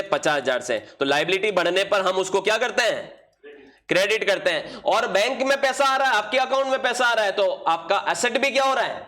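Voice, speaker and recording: A man's voice: fairly high pitch, a bit bright. A man teaching accounting in a classroom lecture, posing questions and answering them himself while writing out examples. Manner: asks questions and answers them himself, mixing Hindi and English terms.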